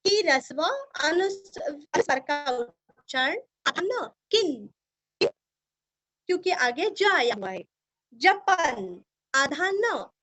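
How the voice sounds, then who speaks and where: Woman recitation teacher, Marathi accent, very slow and careful, breaking verses into syllables. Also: sits high, sing-song, fairly bright tone, dry recording. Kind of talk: teaching Sanskrit chanting pronunciation.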